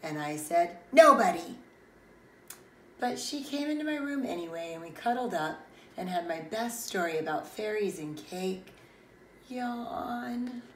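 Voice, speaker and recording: A middle-aged woman and preschool teacher reading a children's picture book aloud in an expressive storytelling manner. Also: lowish voice, normal speed, a little hiss or hum. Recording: roomy, distant mic, faint ambience.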